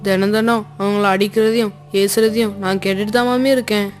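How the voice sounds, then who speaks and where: A woman's voice: medium pitch, steady tone, fairly quick, soft background music, lightly acted. An actress playing a loyal, caring young woman who earnestly reassures and comforts a mistreated elder. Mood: consoling. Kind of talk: period film drama acting.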